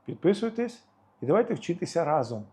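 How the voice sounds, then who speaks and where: Dark-toned man teaching English. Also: a little high, big pitch swings. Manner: explains slowly, demonstrates words with stress. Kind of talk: short video lesson.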